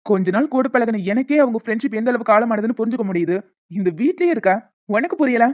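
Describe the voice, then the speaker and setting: A woman's voice: on the high side, expressive, fast talker, no room sound, close to an everyday voice. A woman voicing a polite, earnest young man in a cartoon, who turns sharply accusing. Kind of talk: cartoon voice acting. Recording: dull, dry lo-fi recording.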